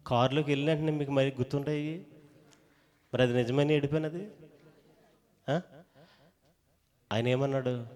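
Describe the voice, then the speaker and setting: A man preaching a sermon in a church hall. He quizzes his listeners and coaxes answers out of them. He swings between loud calls of praise and soft talk. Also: medium pitch. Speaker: lay preacher. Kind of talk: sermon to a congregation.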